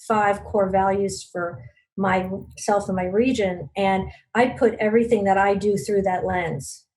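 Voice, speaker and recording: A Long Island, New York woman who leads a regional business network is interviewed on a podcast. Her mid-range, slightly mellow voice moves a little slowly with fairly even intonation, on a rough recording, as she earnestly tells stories full of fillers and restarts.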